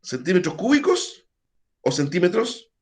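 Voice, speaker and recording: Male math teacher on a video call, fairly high and animated, chatty, questions students. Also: normal speed. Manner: quizzes students, chatty asides. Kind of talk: virtual math class.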